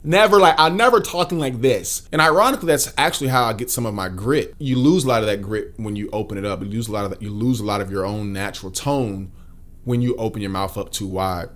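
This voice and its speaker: Relaxed man explaining singing tips. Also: fairly low pitch, quick pace. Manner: relaxed, explanatory, demonstrates as he talks. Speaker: singer giving vocal tips. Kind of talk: casual vocal lesson.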